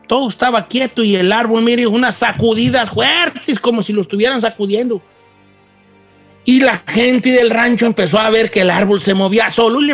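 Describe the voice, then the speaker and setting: A man telling a spooky folk legend in a casual, animated, folksy way with chatty asides. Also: sits high. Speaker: storyteller host.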